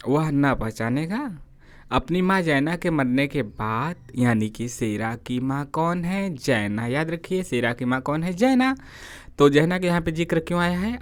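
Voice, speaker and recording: A male literature teacher reads a story aloud for exam preparation in a slightly high voice. He breaks off again and again to explain words and put rhetorical questions to his students. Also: clean tone. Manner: stops the reading to explain words and ask the class rhetorical questions.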